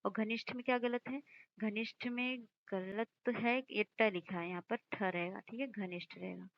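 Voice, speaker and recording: A woman teacher going through exam questions, explaining each answer and slowly repeating words to stress their spelling. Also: medium pitch, steady tone, dull audio, slight background noise. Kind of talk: exam-prep lesson.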